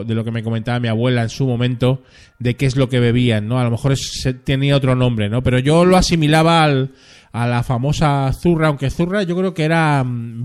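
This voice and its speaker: Male stream host, relaxed and rambling, middle pitch, reads viewer comments and riffs on them. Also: smooth. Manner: rambling, chatty, ends phrases with a questioning tag. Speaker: live stream host reading chat. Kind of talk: casual live chat.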